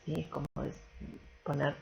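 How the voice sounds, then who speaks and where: A woman's voice: moderate pace, dull audio. A woman teacher giving a recorded grammar lesson, explaining patiently step by step and often checking in with the class.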